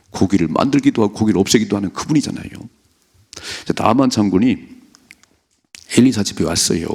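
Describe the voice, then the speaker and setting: A middle-aged male pastor preaching at a dawn prayer service, telling Bible stories with lively acted-out lines. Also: on the low side, vocal fry, breathy edge. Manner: animated storytelling, acting out characters' lines. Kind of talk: early-morning prayer sermon.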